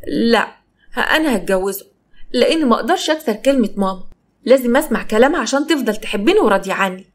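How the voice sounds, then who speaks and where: A woman's voice: fairly high pitch, animated, quick pace. A woman voicing a young Egyptian wife, hurt and blaming herself, in a raised pleading voice. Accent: Egyptian Arabic.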